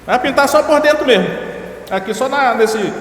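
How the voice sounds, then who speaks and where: A man's voice: extremely high pitch, lively intonation, normal speed, a bit bright. A male pastor from Brazil, telling a personal testimony in a sermon, talking loosely with fillers and repeats. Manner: storytelling with many fillers and repeats. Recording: echoey hall with long reverb, faint noise.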